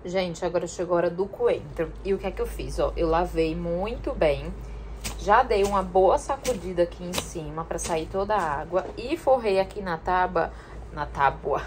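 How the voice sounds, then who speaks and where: Filmed by a counter-mounted camera, a young vlogger sorts food in her kitchen at home and keeps up a chatty stream of talk aimed at her viewers. She speaks in a mid-range voice against a noisy background.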